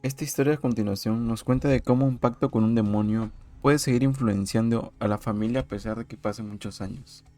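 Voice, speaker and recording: A man calmly narrating a true horror story in a measured, scripted way. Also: medium pitch.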